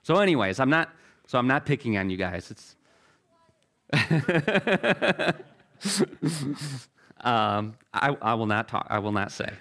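Man, middle-aged pastor, sermon, casual and conversational, self-deprecating humor, repeats and restarts words, mid-pitched voice. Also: big pitch swings, slow, pauses often, a bit bright.

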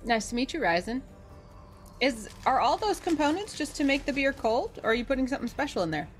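A woman's voice: high voice, expressive, quick pace, faint music behind. A woman player in a tabletop game, talking to a character in a friendly, chatty way.

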